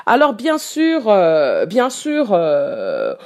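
This woman talks extremely slowly, her medium-pitched, slightly mellow voice swooping wildly in pitch. Presenting new German rock in a chatty radio column, she's hesitant, restarts often, uses many fillers, and laughs as she goes.

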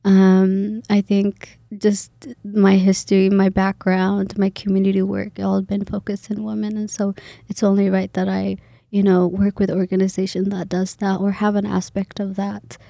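A woman's voice: mid-range voice, completely flat delivery, moderate pace, vocal fry, dark tone, no room sound, studio quality. A woman in her twenties from Kenya, a graduate student talking in a casual interview, hesitant with many fillers and restarts.

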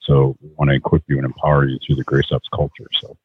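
Podcast host, male, low and raspy, exhorting; dry, phone-quality call audio. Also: monotone, quick pace, no echo. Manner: earnest, exhorting. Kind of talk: motivational podcast talk.

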